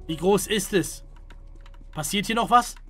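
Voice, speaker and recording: A young man giving casual gameplay commentary to his viewers, jumping between hushed whispers and loud startled calls. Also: sits high, measured pace, faint music behind. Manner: jumpy, hushed then loud, talks to viewers. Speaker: gaming streamer.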